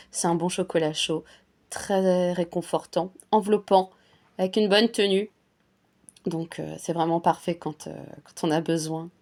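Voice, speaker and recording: A woman's voice: on the low side, a little mellow. A woman vlogging about perfumes in a casual, chatty way, with many fillers and restarts. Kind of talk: casual chat.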